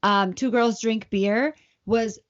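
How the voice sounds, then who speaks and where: A woman's voice: on the high side, steady tone, slow. A woman co-hosting a casual podcast chat, telling stories with lots of giggles. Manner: giggly, chatty storytelling. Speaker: podcast co-host. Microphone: video call. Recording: dull lo-fi call audio.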